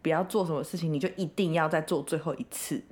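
A woman's voice: sits low, quick pace. A young woman, co-hosting a casual chat and telling a funny story with quoted voices. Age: young adult. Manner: animated storytelling with frequent laughter and quoted voices.

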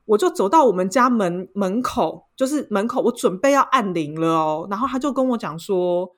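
A young woman with a Taiwanese Mandarin accent, co-hosting a podcast and telling a story in a casual, lively way, acting out voices as she goes. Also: medium pitch, normal speed. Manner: animated, acts out voices in her story. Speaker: podcast co-host.

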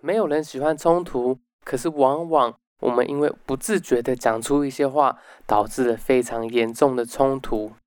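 Smooth-voiced man summarizing a book. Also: mid-range voice, moderate pace, hardly any pauses, no echo, studio quality. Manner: explanatory, sprinkles sentences with soft "oh" particles. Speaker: podcast host.

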